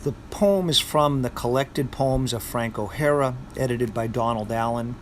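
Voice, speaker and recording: A man with a Boston accent presents and recites poetry as a poet would for listeners. His voice sits at a middle pitch. There is faint vehicle-like noise behind him. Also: moderate pace. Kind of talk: talk introducing and reciting poetry aloud.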